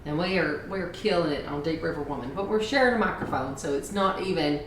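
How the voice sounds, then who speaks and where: Woman chatting and joking on a podcast, laughs a lot, mic kinda far off, big echo. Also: deep voice. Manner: animated, laughs a lot, quick joking delivery. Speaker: podcast guest. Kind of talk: casual storytelling chat. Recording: very echoey room, distant mic, faint noise.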